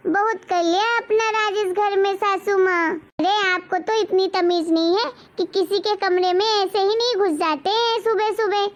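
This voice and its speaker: A woman's voice: very high-pitched, steady tone, normal speed, few pauses. A woman voicing a rude, defiant young daughter-in-law in a cartoon story, talking back in a sassy, bossy way.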